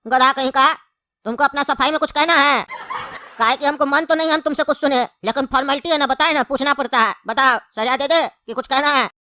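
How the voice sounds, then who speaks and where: A woman's voice: high-pitched, a little fast, sharp tone, dry recording, studio quality. A woman voicing a bossy male judge in a comedy skit who scolds and mocks the accused. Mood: scolding. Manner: scolding, mocking, threatening.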